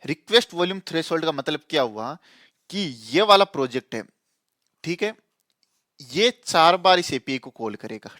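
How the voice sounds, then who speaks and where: A man teaches a coding lesson in a relaxed, conversational way. His voice sits a little high and the recording is dry and close. He repeats key ideas and often asks if the listener understands. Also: normal speed, no echo. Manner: explains with repetition and frequent checks on the listener. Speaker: programming tutor. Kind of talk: casual explanatory lesson.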